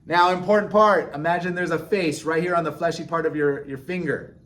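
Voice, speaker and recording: A man's voice: fairly high pitch, steady tone, fairly quick, a bit bright. A man teaching a beginner sign language lesson in a casual, encouraging way, often checking in with the viewer. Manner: encouraging, chatty, frequent "okay?" and "right?" checks. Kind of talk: casual instructional explanation.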